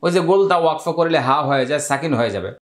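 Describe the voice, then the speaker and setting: A man gives a Quran recitation lesson, walking through each rule step by step. His voice sits slightly high. It rings out in an echoey room. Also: lively intonation. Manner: explains rules step by step, drawing out Arabic words slowly. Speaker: Quran teacher.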